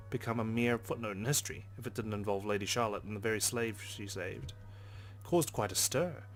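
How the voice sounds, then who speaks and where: With the game's music behind him, a let's play host with a fairly low voice performs a visual novel's narration dramatically. He breaks off occasionally for brief, casual asides.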